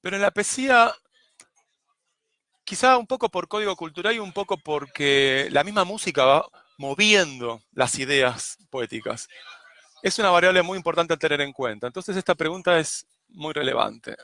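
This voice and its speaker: Bright-voiced poetry teacher. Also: male voice, fairly high pitch, expressive, dry recording. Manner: measured, demonstrates rhythms with sung syllables. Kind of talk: explanatory lesson on poetics.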